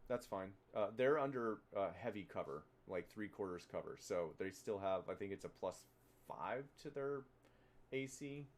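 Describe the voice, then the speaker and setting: A man narrating as dungeon master, talking in a halting way with many fillers and restarts. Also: fairly low pitch, expressive. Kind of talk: narrating a tabletop game.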